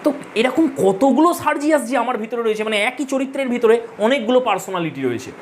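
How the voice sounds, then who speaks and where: A woman's voice: fairly high pitch, expressive, fast, slight background noise. A woman teacher giving a recorded literature lesson. She explains each point patiently, calls her viewers friends, drops English terms into her sentences and stops to spell out how names are pronounced. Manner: spells out and corrects pronunciations.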